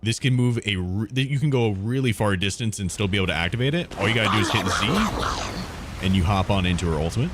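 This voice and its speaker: A man's voice: fairly low pitch, fast. A man giving casual gameplay commentary as a streamer and host. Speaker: game streamer and video host. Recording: loud game noise and clicking.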